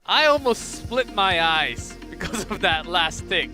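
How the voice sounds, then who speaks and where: High-voiced analytical esports co-caster. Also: male voice, animated, music in the background. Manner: analytical, laughs often, halting restarts. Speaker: esports color commentator. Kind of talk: color commentary.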